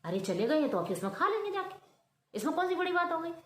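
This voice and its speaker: A woman doing a pampered young bride who whines and pouts, her voice pushed up high and tight, heard in a roomy, echoing space. She sounds sulky and stubborn, like a storybook brat. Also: very animated, quick pace. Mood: indignant. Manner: complaining, sulky. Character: spoiled young wife, whiny and stubborn. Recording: roomy echo.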